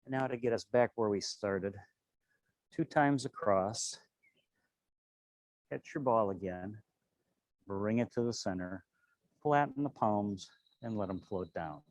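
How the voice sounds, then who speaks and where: A man teaching tai chi and qigong, calmly and serenely cueing each movement step by step. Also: fairly low pitch, unhurried, long pauses, no room sound. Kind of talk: tutorial movement cues.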